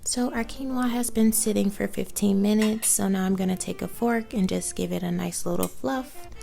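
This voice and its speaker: A young woman talks through her cooking in a casual, unhurried way. Her voice is mellow and warm, with a gravelly fry at the ends of phrases. Soft music and a sizzling pan play behind her. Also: medium pitch. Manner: relaxed step-by-step narration with fillers. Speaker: cooking vlogger.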